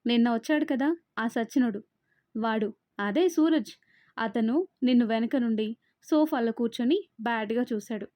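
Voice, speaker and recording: Storybook figure: a level-headed young woman who firmly sets her friend straight, voiced by a woman reading aloud. The voice is mellow and fairly high, and the sound is dry and close. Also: no room sound, lightly acted. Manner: firm, explaining.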